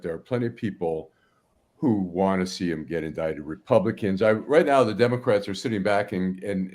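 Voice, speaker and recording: Man, panelist, fairly low pitch, casual political commentary. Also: a little mellow.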